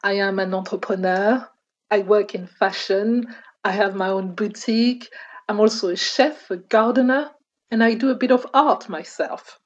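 A woman reading an interview translation as a calm voice-over. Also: medium pitch, normal speed, muffled recording.

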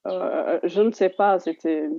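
A woman's voice: lowish voice, unhurried, creaky, mellow, highs cut off. A woman from Burundi answering interview questions reflectively, searching for words. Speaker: interviewee, entrepreneur.

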